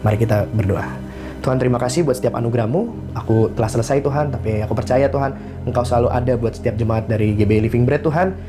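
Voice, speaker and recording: A man's voice: mid-range voice, fast talker, over music. A young man preaching a casual sermon as a pastor, conversational and slangy, acting out little stories. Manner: conversational, slangy, animated storytelling.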